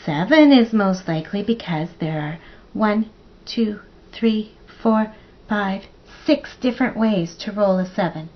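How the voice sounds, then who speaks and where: Woman teacher doing storytime for kids, playful and expressive, kinda dull lo-fi sound. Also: medium pitch, unhurried. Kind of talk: reading a picture book aloud to children.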